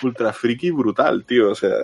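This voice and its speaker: A man hosting a casual chat in an excitable, slangy, repetitive way. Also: medium pitch, normal speed, creaky, husky, faint music behind. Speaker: podcast host.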